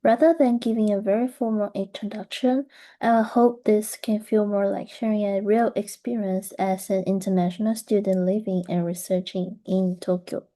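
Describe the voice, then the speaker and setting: A young adult graduate student from Taiwan gives a scripted presentation about her research journey, speaking steadily and earnestly at a moderate pace. Her soft, mellow, mid-range voice sounds thoughtful and reflective throughout.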